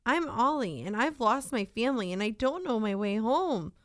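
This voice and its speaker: A woman voicing a small, scared young male puppy in a storybook reading, with a squeaky, pleading voice. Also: big pitch swings, moderate pace, dry recording, studio quality.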